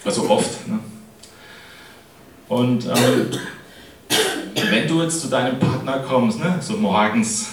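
A man's voice: mid-range voice, slow pace, pauses often. A middle-aged man preaches a casual, chatty sermon, often turning to his listeners to check they follow him. His voice is recorded from a distance in a very echoey church hall. A faint noise sits under his speech. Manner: chatty, keeps adding "ne?" to address the congregation.

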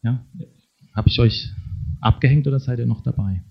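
A man's voice: mid-range voice, normal speed, creaky, husky. A middle-aged man preaching a conversational sermon, speaking straight to his listeners and ending many sentences with a questioning tag. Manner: talks to the congregation directly, tags sentences with a questioning "ne?". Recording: dull lo-fi sermon recording.

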